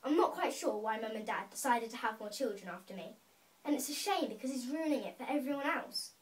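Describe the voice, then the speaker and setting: A woman plays a chatty young schoolgirl in a theatrical children's monologue, recorded from a little distance. Her high, swooping voice is expressive and close to an everyday voice as she earnestly airs her grievances with dramatic, drawn-out words, sounding exasperated and musing.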